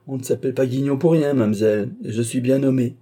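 A man's voice: mid-range voice, steady tone, fairly quick, warm tone, pitched above the performer's own voice, lightly acted. Man voicing a rueful, unlucky young working man. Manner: folksy and self-mocking.

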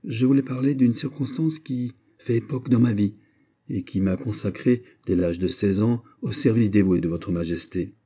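A man voicing a gracious, modest young nobleman soldier in an audiobook, speaking softly, earnestly and courteously. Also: on the low side, normal speed, breathy edge. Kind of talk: audiobook character voice.

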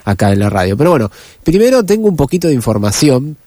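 A man with a Rioplatense accent, hoarse from a cold, giving a brisk sports report as radio co-host. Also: mid-range voice, very animated, dark tone, no echo, clean studio sound. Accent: Rioplatense Spanish. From Argentina. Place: radio studio.

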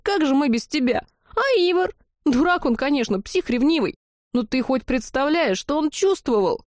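A woman's voice: expressive, moderate pace, a little mellow, no room sound, clean studio sound. A woman voicing a tearful young female friend who scolds between sobs in a storybook reading. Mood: tearful scolding. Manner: wailing, scolding, high-pitched.

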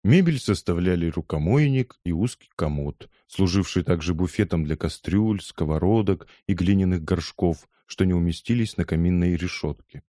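A male narrator with a low, dark, mellow voice reads a novel aloud in steady, even storytelling. The recording is close and dry, with no room sound. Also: no echo. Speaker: audiobook narrator. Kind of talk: scripted narration.

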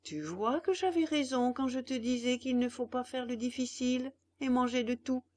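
A woman voicing a kind, patient old woodcarver father in a storybook reading, gently lecturing. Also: high voice, normal speed, pitched above the performer's own voice, lightly acted.

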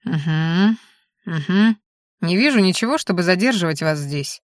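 A woman voicing a calm, businesslike male doctor who talks in a brisk, matter-of-fact way. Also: lowish voice, no echo, clean studio sound, natural voice. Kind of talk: audiobook character voice.

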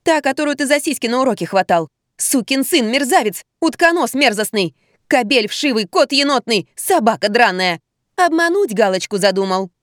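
A jealous young mother scolds in a high, shrill voice, as a woman reader puts her on. She is loud and curt, and the read is dry and close to the mic. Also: sing-song, moderate pace, dry recording.

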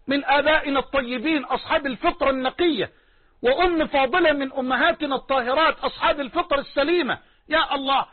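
Egyptian preacher, man, high husky voice, repeats for emphasis, tinny phone-like recording. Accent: Egyptian Arabic. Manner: impassioned, repeats phrases for emphasis, swears oaths. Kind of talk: sermon.

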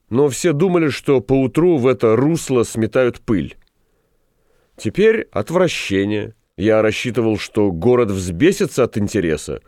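A man's voice: lowish voice, a little mellow, dry recording, studio quality. A man reading aloud, voicing a rueful male café owner who tells of his failed schemes in a plaintive, rambling way.

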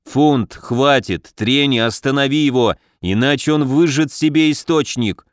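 Man voicing a drained senior battle mage, strained and weary, mid pitch, dry read. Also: a little slow, dry recording, lightly acted. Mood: urgent. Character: exhausted senior male air mage.

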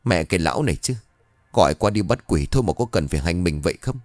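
A man's voice: low voice, lively intonation, fast talker, a little mellow, no echo, faint music behind, pitched below the performer's own voice. A man doing a grumbling, cursing young man. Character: grumpy young man, cursing under his breath.

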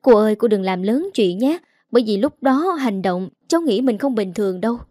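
A tearful young model voiced by a woman, stammering out excuses and begging in a slightly raised, quickening voice. The tone is mellow and the recording dry. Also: on the high side, lively intonation, dry recording. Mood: pleading tearful. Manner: sobbing, pleading, stammering. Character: young female model, tearful, pleading, evasive.

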